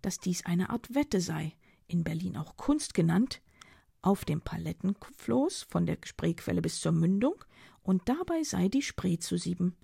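A woman voicing a defiant, proud performance artist in an audiobook, with a husky, gravelly voice. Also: fairly low pitch, animated, unhurried, mellow, no echo, studio quality, heavily acted. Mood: explaining. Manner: defiant and indignant.

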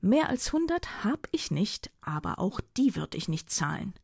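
A woman voicing a defiant, proud performance artist in an audiobook, with a husky, gravelly voice. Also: mid-range voice, big pitch swings, measured pace, darkish tone, no room sound, studio quality, full character voice. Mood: indignant. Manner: defiant and indignant.

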